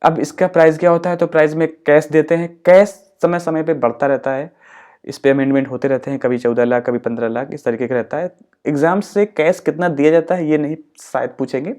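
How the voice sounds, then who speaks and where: A young man hosting an exam-preparation lesson, explaining points slowly, repeating them and mixing English terms into his Hindi. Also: on the high side, fairly even intonation, darkish tone. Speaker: exam-prep teacher and channel host. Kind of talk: educational explainer.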